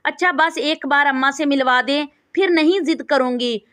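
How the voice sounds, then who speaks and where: A spirited young bride from a spoken storybook, read by a woman. The voice is high and insistent, pressing her case again and again. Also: fairly bright tone, no echo. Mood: pleading. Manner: pleading, insistent reading.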